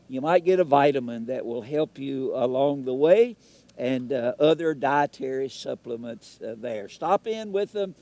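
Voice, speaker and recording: A man's voice: mid-range voice, warm tone. A man, reading out sponsor greetings on a live parade broadcast in a folksy, chatty way. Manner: folksy, chatty, laughs between lines.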